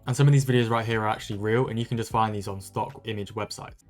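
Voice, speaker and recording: A man talking fast and upbeat as he walks viewers through a screen-recorded tutorial. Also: fairly even intonation, faint music behind. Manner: rapid, upbeat sales-pitch delivery. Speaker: online content creator teaching social media growth.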